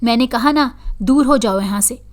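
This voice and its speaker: A woman's voice: a little high, unhurried, natural voice. A woman voicing a menacing male jinn who possesses a girl, speaking in a heavy, threatening voice. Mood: angry. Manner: threatening, shouting.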